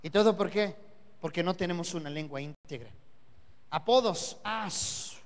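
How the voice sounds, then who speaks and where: A man's voice: high-pitched, a little slow. A man with a Mexican Spanish accent preaching a Sunday sermon as pastor, emphatic, repeating key words and asking rhetorical questions. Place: church service hall. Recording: long reverb of a church hall.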